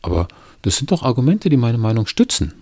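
A man voicing a stubborn, defensive man who doubts climate change, in a husky voice with dry close sound. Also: mid-range voice, big pitch swings, brisk, a little mellow, dry recording, pitched above the performer's own voice. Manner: indignant, pushing his view.

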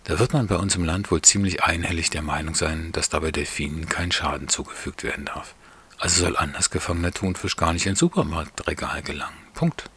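A man voicing a calm male neighbor who explains things in a measured, slightly scornful, lecturing way. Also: deep voice, breathy edge, heavily acted. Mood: explaining.

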